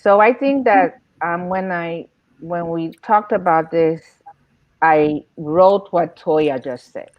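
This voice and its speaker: A woman's voice: fairly low pitch, takes it slowly. Woman guest hammering her point home, kinda dull lo-fi audio, no room echo. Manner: emphatic, builds points through repetition. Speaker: panel guest. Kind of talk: panel discussion.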